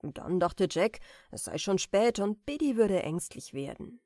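A woman audiobook reader telling a bedtime fairy tale in a calm, expressive way. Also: mid-range voice, unhurried, dry recording, studio quality.

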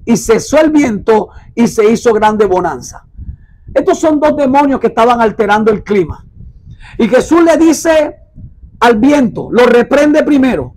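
This very high-voiced preacher reads out scripture and urges the congregation to mark the passage in their Bibles. Emphatic repetition and deliberate slowing on key words shape his delivery, captured in a low-quality recording.

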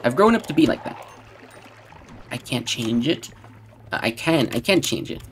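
Deadpan man with a lively pitch. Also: moderate pace, a little hiss or hum. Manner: deadpan, flat tone that sounds sarcastic. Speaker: gaming channel host. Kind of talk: casual gameplay commentary.

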